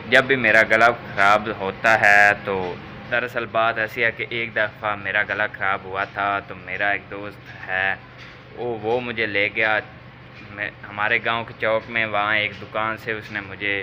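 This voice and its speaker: A man from Pakistan, throat slightly sore, addresses his audience in a casual vlog while walking a village lane to a shop. His fairly low voice has fairly even intonation and a bright, forceful tone, moving a little slowly, with slight background noise.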